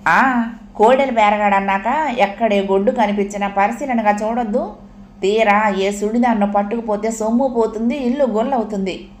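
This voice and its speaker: A woman voicing a sly, scheming man in a comic audiobook, reasoning slowly and mockingly. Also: medium pitch, fairly even intonation, slight background noise, natural voice. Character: scheming middle-aged man, sly adviser. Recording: roomy echo.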